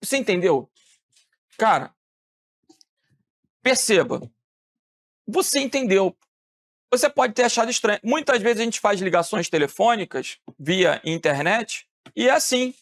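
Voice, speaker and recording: A man from Rio de teaching a lively classroom lecture, asking the students questions and answering them himself. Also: high-pitched, measured pace, long pauses. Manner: animated, asks questions and answers them, acts out phone calls.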